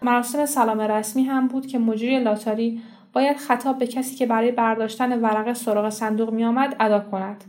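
A woman reading a short story aloud in a steady, measured storytelling manner. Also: a little high. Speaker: story reader. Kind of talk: scripted audiobook narration.

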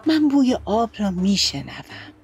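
A woman's voice: medium pitch, sing-song, a little mellow, faint music behind. A woman voicing a hopeful, thirsty duck with an eager manner.

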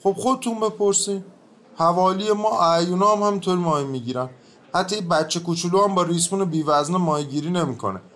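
A man's voice: sits high, fairly bright tone. An actor playing a stubborn, evasive peasant man on trial, talking in a rustic, grumbling way in a radio drama. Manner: rustic colloquial speech, grumbling and mumbling.

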